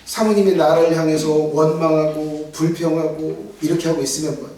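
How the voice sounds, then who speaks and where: High-voiced pastor preaching in an echoey hall. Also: male voice, level tone, moderate pace, recorded from a distance. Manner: emphatic, rising to near-shouts, then dropping to hushed asides. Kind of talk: sermon. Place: church sanctuary.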